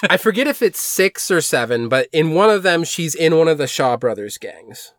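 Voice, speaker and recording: A man chats casually on a podcast and recaps movie plots, rambling with plenty of fillers and false starts. His voice sits a little high. The recording is dry and close, with no room sound. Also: big pitch swings, moderate pace, no room sound. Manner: rambling, many fillers and restarts. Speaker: podcast co-host.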